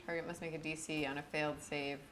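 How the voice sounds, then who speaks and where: A woman's voice: low voice, level tone, fast talker, fairly bright tone, a little hiss or hum. A woman playing a tabletop game, thinking through rolls and numbers aloud in a hesitant way. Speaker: player.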